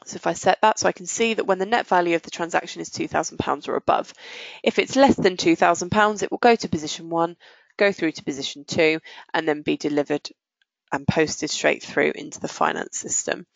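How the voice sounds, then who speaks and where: A woman with a fairly low, creaky voice presents a software demo conversationally, pausing and drawing out words as she explains. The audio is dull and muffled, with no room sound.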